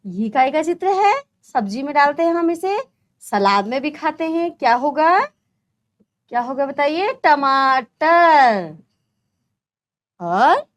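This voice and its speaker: A woman teacher explaining a children's textbook lesson, patiently asking questions and answering them herself. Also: high voice. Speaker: primary school teacher.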